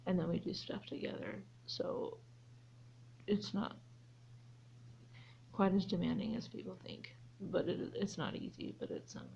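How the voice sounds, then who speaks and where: A homeschooling mother chats casually in a vlog, rambling with lots of ums and restarts. Her fairly low, gravelly, slightly mellow voice moves a little slowly with frequent pauses, on slightly dull lo-fi audio with a bit of hiss or hum.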